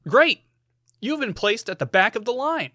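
A man's voice: very high voice, big pitch swings, normal speed, pushed and bright, dry recording, clean studio sound, heavily acted. Brief: man as eager pre-recorded hold tape, sing-song, cheesy. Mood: overeager. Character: chipper pre-recorded tape, male, pushy.

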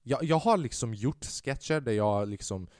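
Swearing, self-mocking young podcast host. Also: male voice, medium pitch, expressive, a little mellow, clear, resonant tone, no room sound, clean studio sound. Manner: rambling, self-mocking, swears a lot, mixes in English. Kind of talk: casual solo podcast monologue.

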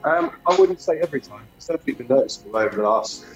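A man speaks as a guest on a radio call-in. He answers in a measured, hesitant way with fillers. Faint music sits under his voice. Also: mid-range voice, huge pitch swings, creaky, lo-fi sound. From England. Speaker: caller from England. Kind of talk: phone interview.

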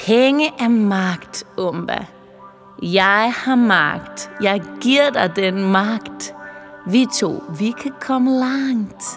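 Sly lizard-monster lady put on by a woman, slow coaxing speech, storybook villain, long hall reverb, faint music. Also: mid-range voice, lightly acted. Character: scheming wig-wearing woman who turns lizard monster.

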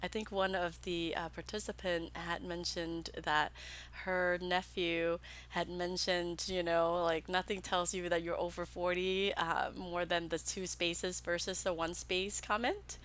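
A woman's voice: on the low side, little pitch movement, unhurried, fairly bright tone. A woman in her forties from Vietnam who grew up in Texas, a guest on a podcast, chatting casually, laughing easily and thinking aloud with "um". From Vietnam, raised in Texas. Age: 40s. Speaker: guest optometrist. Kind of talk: casual interview chat.

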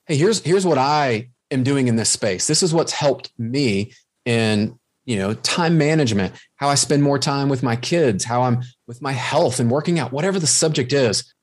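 A man guesting on a podcast, confidently coaching listeners in casual chat and acting out quotes. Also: medium pitch.

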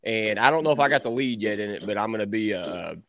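A man's voice: on the low side, animated, quick pace, a bit bright, no echo. A man chatting on a group call, laughing often and restarting his sentences. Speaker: paintless dent repair tech and amateur actor. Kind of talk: casual group video call chat.

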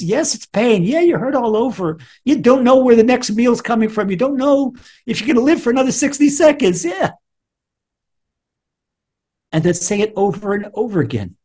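Husky-voiced rabbi teaching Torah. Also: male voice, very high-pitched, darkish tone. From Israel. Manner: quotes Hebrew text then translates, emphatic. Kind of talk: Torah lesson.

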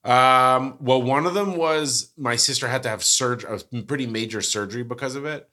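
A man's voice: medium pitch, normal speed, pushed and bright. A man co-hosting a podcast, chatting casually, joking and swearing freely. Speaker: podcast co-host.

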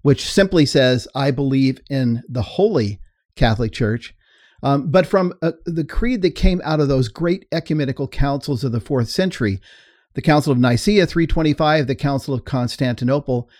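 A man's voice: medium pitch, moderate pace, a little mellow, dry recording, studio quality. Earnest middle-aged male co-host. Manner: earnest, laughs easily. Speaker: co-host and teacher. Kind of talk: explanatory discussion.

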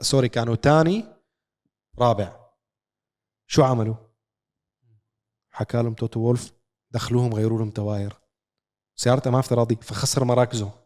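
A man's voice: mid-range voice, a little mellow. A man with a Levantine Arabic accent, co-hosting a podcast with a casual sports recap, told like a story with rhetorical questions. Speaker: podcast co-host.

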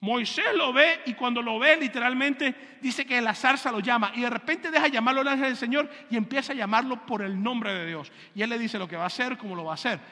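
A man's voice: very high voice, brisk, few pauses, bright, forceful tone. A male pastor teaching a sermon, having the congregation repeat terms after him and checking that they follow. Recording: long hall reverb.

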